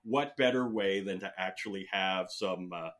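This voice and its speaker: A man from the Philippines, in his fifties, is the guest in a relaxed interview, recounting his story in a meandering way with frequent fillers and restarts. His voice sits low and fairly bright, at a moderate pace.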